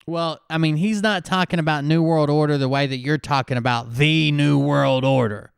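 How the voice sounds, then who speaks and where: A man with a smooth, clear voice talks things through in a calm, skeptical way, swearing now and then. He hosts a casual commentary chat, and his voice sounds close and dry. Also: on the high side, normal speed, no room sound. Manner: skeptical, explains calmly, swears.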